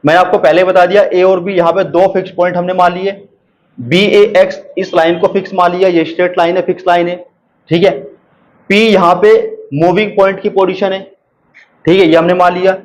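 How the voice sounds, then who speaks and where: A man's voice: high-pitched, flat delivery, poor audio. A man teaching a maths lesson, repeating each step and asking and answering his own questions. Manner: reads English problem text slowly and deliberately. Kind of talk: board lesson explaining proofs.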